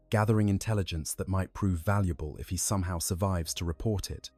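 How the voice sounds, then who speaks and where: A man giving measured, scripted story narration. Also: low voice, a little mellow, no echo. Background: faint music.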